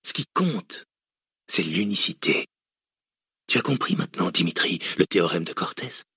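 A male audiobook reader voicing a cynical, deranged hooded villain who lectures mockingly and erupts into shouts. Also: deep voice, very animated, moderate pace, husky, dry recording, studio quality, heavily acted. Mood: lecturing. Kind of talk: audiobook reading.

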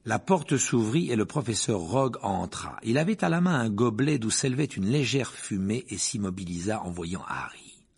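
A man narrating a story aloud in an expressive, animated way. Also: lowish voice, moderate pace, creaky, breathy edge. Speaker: audiobook narrator. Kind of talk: storybook reading.

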